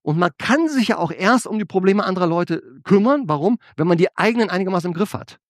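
A man preaching a sermon, asking his congregation rhetorical questions and swinging between loud emphasis and quiet asides. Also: sits high, expressive, fast, dry recording, clean studio sound. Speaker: pastor.

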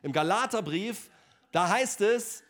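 A man preaching a sermon to a congregation in a conversational, joking way, often laughing and dropping into quiet asides before loud exclamations. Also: high-pitched, expressive, slow. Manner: conversational, jokey, laughs often, many fillers like ne and äh.

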